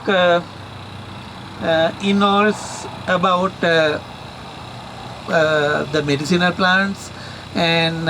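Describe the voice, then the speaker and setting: A middle-aged man from Sri Lanka gives a talk on plants in a slightly higher voice. He moves slowly, stopping often on "uh" and repeating words before going on. Faint background hum sits under his voice. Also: a bit bright, poor audio. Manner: halting, many "uh" fillers and repeated words. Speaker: university researcher giving a talk. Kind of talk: presentation to a community audience.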